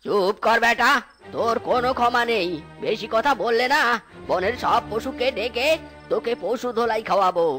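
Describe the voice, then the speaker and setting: A woman voicing a stern, scheming old male fox father in a cartoon, in a lowered bossy voice. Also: normal speed, a bit bright, natural voice. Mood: threatening. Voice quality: low put-on voice. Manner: bossy, threatening. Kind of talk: cartoon voice acting. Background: music.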